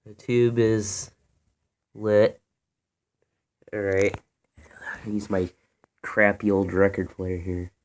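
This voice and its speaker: A man with a lowish, steady voice talks slowly, leaving long pauses, as he casually demos a vintage radio. He's an American hobbyist, unscripted, recorded on a noisy, clicky phone.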